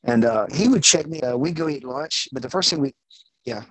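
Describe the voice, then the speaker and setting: A man's voice: medium pitch, animated, brisk, fairly bright tone, dry recording, poor audio. A pastor talking in an easygoing, rambling way, his voice clipped by a lagging video call. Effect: clipped, lagging video call line. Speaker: pastor being interviewed. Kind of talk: casual video call interview.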